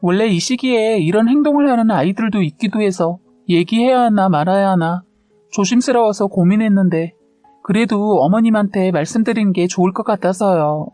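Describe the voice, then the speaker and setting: A woman's voice: mid-range voice, a little fast, warm tone, no room sound, faint music behind, natural voice. A woman reading a polite daycare teacher. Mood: concerned. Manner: careful, polite, hesitant.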